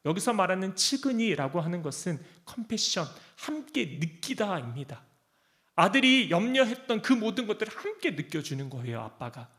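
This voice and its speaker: A man preaching with great feeling, his voice sitting high and swinging widely as he acts out pleas and answers. He talks like a pastor who is speaking straight to his people. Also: a bit bright. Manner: impassioned preaching, acting out pleas and God's replies. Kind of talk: sermon.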